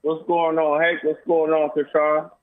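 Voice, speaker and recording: A man's voice: a little high, completely flat delivery, measured pace. A man calling in to a talk show from a big empty room, his voice bouncing around with a canyon-like echo. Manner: plain-spoken, casual slang. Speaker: caller. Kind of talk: call-in talk. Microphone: phone on speakerphone. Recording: tinny speakerphone in an empty echoing room.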